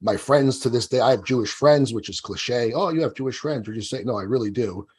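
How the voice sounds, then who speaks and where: A husky, slightly raspy man talks quickly as a guest in an interview. His speech rambles loosely and often trails off into offhand asides. The tone stays casual and conversational. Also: mid-range voice, darkish tone. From Italy, raised in New Jersey.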